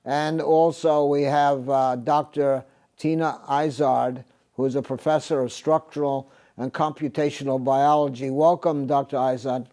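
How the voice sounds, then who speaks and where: An older man hosting a studio health interview, speaking haltingly with many filler sounds, recorded on a lapel mic in a TV studio. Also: medium pitch, fairly even intonation, warm tone. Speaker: host. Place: TV studio set.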